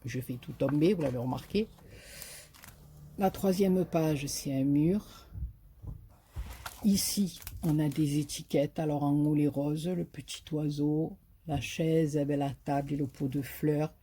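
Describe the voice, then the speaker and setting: Sitting low with a dark tone, a little slow, this woman's voice comes with a faint hiss or hum. She's a craft vlogger from southern France with a Marseille accent, chatting hesitantly in a haul video, full of fillers and enthusiastic about paper designs.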